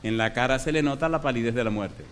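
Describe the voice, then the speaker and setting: A man's voice: medium pitch, fast talker, slight background noise. A middle-aged man preaching a sermon as a pastor, who tells stories with acted dialogue and keeps asking the congregation questions.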